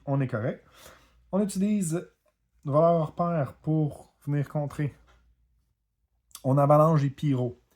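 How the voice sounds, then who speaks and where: A man with a Québécois French accent casually commenting on his own card game as he plays, self-deprecating and quick to apologize for his mistakes. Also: medium pitch, a little mellow. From Quebec. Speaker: board game video host.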